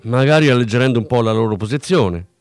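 A man's voice: mid-range voice, expressive, fast, dry recording, faint music behind, close to an everyday voice. A man reading aloud, voicing a blunt, tired police inspector in short, curt lines. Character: tired hard-nosed male police inspector.

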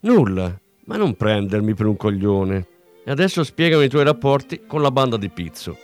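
A man's voice: fairly low pitch, sing-song, moderate pace, soft background music. A man reading aloud, voicing a brusque, no-nonsense senior policeman.

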